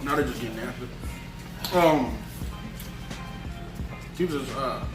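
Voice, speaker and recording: A man's voice: mid-range voice, takes it slowly, distant mic. A man chatting casually, exclaiming and faltering as his mouth burns from spicy food. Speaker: hot wings challenge contestant. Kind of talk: casual chat. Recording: echoey room, off-mic, music behind.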